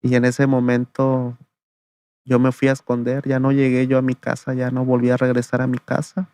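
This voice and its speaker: An interview guest relates his own testimony at normal speed and medium pitch, with no echo in the recording. His delivery is gravelly and flat yet conversational, peppered with "le digo" and "¿verdad?".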